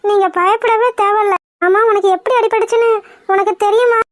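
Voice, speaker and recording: A woman's voice: very high voice, fairly even intonation, a little fast, no room sound, clean studio sound. A woman voicing a kind, patient housewife in a cartoon who coaxes and soothes. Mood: soothing. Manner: soothing, coaxing. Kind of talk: cartoon voice acting.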